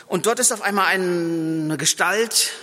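A male pastor delivers a sermon with a high, bright voice. He retells scripture scenes in a lively, down-to-earth storytelling manner. The sound carries the long reverb of a church hall. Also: a little slow.

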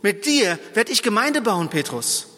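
Bright-voiced male preacher in a reverberant hall. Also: high voice, measured pace. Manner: lively storytelling, retells Bible scenes in everyday words. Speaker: pastor. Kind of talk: sermon.

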